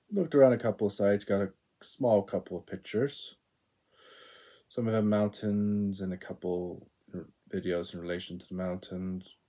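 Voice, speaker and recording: Young guy, husky, halting webcam chat from his bedroom. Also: fairly low pitch, dark tone. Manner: halting, stumbles over words. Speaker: vlogger. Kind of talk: casual chat to camera. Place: small bedroom indoors. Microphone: laptop webcam at desk.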